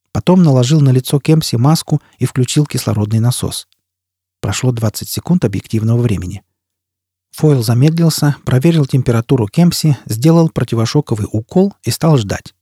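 A man narrating an audiobook in steady, measured storytelling. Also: medium pitch, slightly rough, dry recording, clean studio sound. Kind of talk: scripted narration.

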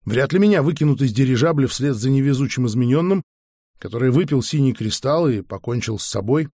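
A man reading a first-person audiobook in a steady, reflective way. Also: mid-range voice, dry recording, studio quality. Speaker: audiobook narrator.

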